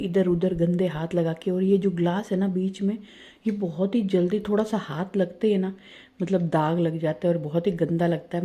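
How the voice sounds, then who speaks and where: A woman in her thirties narrating her daily home chores in a soft, hushed voice-over, chatty and confiding. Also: fairly low pitch. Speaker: home vlogger. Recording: roomy home voice-over with faint ambience.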